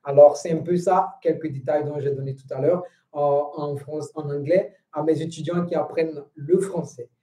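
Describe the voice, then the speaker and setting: A man teaching a language lesson on a live stream, earnest and halting, explaining step by step with many fillers and repeated words. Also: fairly high pitch, fairly even intonation, mellow, echoey room, rough recording. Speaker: French teacher.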